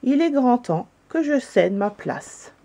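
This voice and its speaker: A woman plays an aging chief Father Christmas in a storybook, raising her voice high for him. He speaks solemnly and ceremoniously, in a mellow tone. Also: big pitch swings, slow, creaky, exaggerated voice.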